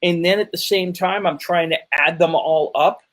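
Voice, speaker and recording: A man who teaches physics, chatting in a loose explanatory way. His voice sits a little high, and he often restarts mid-sentence. He talks over a call. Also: normal speed, fairly bright tone. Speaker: physics lecturer guest. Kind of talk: casual explanatory chat.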